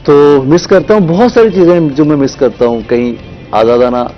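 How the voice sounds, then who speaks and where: A man, a guest poet talking in an unhurried, reflective way on a morning show, with soft hesitations. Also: on the high side. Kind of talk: conversational interview. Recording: dull, slightly muffled TV broadcast audio with faint music.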